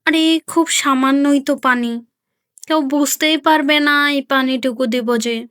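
A woman voicing a poor village mother who hushes and justifies herself in a doll story. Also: high voice, fairly even intonation, moderate pace.

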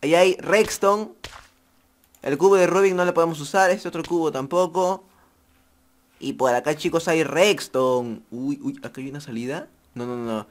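Speaking at a normal speed in a slightly high voice, this young Peruvian-accented YouTuber reacts skittishly to a horror game and cracks jokes for his audience. Faint music sits under his voice.

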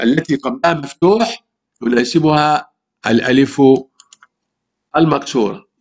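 A man with an Egyptian Arabic accent teaching a primary school language lesson, patiently repeating words and asking rhetorical questions. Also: mid-range voice. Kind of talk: classroom lesson explaining grammar.

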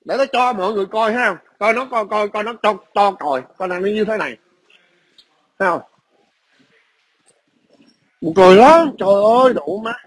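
A man's voice: high-pitched, brisk, a bit bright. A man, ranting aggressively and profanely into a phone camera at his workplace. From Vietnam. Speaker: vlogger. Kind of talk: angry ranting video message.

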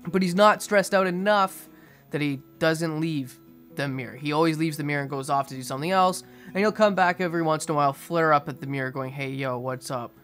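A young man giving a casual aquarium update voice-over in a monotone, restrained way. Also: on the high side, fast. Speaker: fishkeeping video host. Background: music behind the voice.

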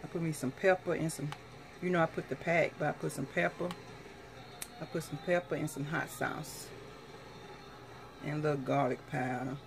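A woman's voice: deep voice, fairly even intonation, normal speed, creaky, long pauses, noisy background. A middle-aged woman chatting casually to the camera during a mukbang, talking between bites as she eats. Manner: mukbang eating, talking between bites with mouth often full. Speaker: mukbang vlogger. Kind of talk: casual chat to camera while eating. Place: small wood-panelled room indoors at home.

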